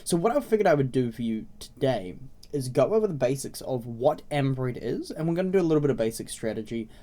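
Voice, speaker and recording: A man with a slightly raspy voice, congested with a cold, giving a casual, explanatory game tutorial as a video host. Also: mid-range voice, lively intonation, fast, dark tone. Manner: informal, explanatory, often checking in with "okay?" and "right?". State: congested with a cold, frequent throat clearing. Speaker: video host introducing a browser game series.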